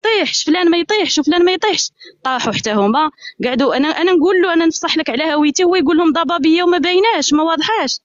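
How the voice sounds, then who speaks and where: A woman with an Algerian Arabic accent pours out her grievances at a breakneck pace in a high, insistent voice. She comes through a phone on a live call, with dull, lo-fi audio in a dry space. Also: animated, no echo. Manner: rapid, aggrieved and insistent. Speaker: guest on a live stream. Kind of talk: casual live-stream chat.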